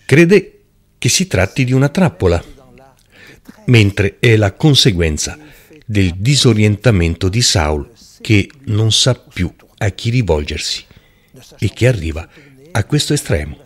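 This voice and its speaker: Male preacher, lower voice, very expressive pitch, slow and emphatic Bible teaching. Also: breathy edge. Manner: emphatic, deliberate, rhetorical.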